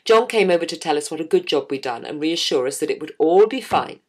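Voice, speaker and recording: Low-voiced lady reading her choir story, dry wry humour. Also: lively intonation, quick pace, darkish tone, husky. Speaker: choir singer telling a story. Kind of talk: scripted narration.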